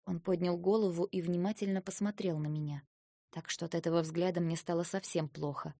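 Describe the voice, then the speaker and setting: A woman reading first-person fiction aloud in a soft, subdued manner. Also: fairly low pitch, level tone, fairly quick, no room sound, studio quality. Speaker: audiobook narrator.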